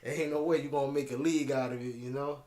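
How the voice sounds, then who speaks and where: A man hosting a podcast in casual chat, slangy and quick to laugh, saying "yeah" over and over. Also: medium pitch, fairly even intonation, warm tone, reverberant. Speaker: podcast host.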